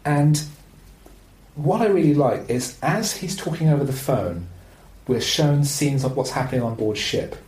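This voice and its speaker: Animated man hosting a film chat. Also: mid-range voice, unhurried, reverberant, poor audio. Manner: rambling, animated, with frequent fillers. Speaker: podcast host. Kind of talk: casual film discussion.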